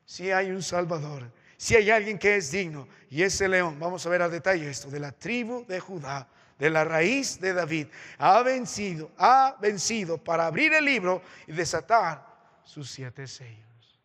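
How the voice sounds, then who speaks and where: A man with a Peruvian Spanish accent, preaching a sermon as pastor, with impassioned swings between loud exhortation and quiet consolation. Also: lively intonation, normal speed. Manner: impassioned preaching with sweeping pitch and loudness swings. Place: church sanctuary. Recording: church hall reverb.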